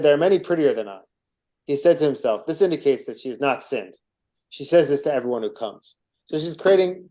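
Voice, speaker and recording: A man's voice: mid-range voice, darkish tone. Man retelling a story in class, meandering. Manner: rambling, with many restarts and asides. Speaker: teacher of a class on rabbinic stories.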